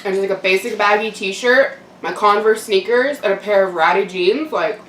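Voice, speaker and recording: A young adult woman giving a casual, candid personal monologue to camera in a reflective, halting way with frequent pauses. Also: mid-range voice, fairly bright tone. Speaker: mukbang vlogger. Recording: roomy echo, distant mic, background noise.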